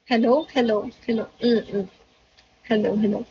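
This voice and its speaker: A young woman chats away on her livestream, greeting viewers and mixing in bits of English. Her voice sits high. It comes through a phone mic with dull, lo-fi livestream sound and a faint hiss underneath. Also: steady tone, a little slow. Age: young adult. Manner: chatty, greets and answers viewers, mixes in English phrases. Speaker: livestream host. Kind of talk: casual live-stream chat.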